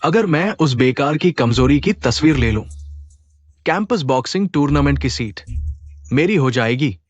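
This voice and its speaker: A man's voice: medium pitch, lively intonation, normal speed, no echo, highs cut off, close to an everyday voice. An actor in a dubbed short drama playing an arrogant young male student who boasts and schemes. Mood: scheming.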